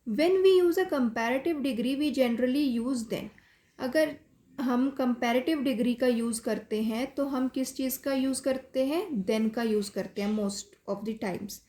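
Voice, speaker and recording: A high, clear woman's voice with an Indian English accent, teaching a grammar lesson to children. She walks through each rule step by step, drawing out the English examples slowly and carefully. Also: warm tone. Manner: explains step by step, rapid in Hindi, slow and deliberate in English. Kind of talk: classroom lesson, mixing Hindi and English.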